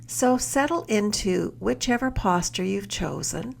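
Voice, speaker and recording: A mindfulness mentor, a woman, leads a guided meditation at medium pitch. Her instructions are gentle and measured, and her phrases trail off softly and breathily.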